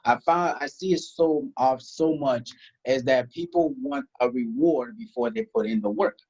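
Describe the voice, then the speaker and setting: In a lo-fi recording, a tax strategist from South Sudan talks as a guest in a conversational interview, his medium-pitched, darkish voice moving at a moderate pace. He's emphatic, favors rhetorical questions and peppers his speech with "you know" and "right?".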